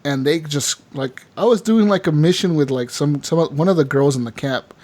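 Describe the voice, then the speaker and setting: A man co-hosting a casual gaming podcast, telling animated stories full of swearing and constant filler words. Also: fairly high pitch, normal speed. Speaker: podcast co-host.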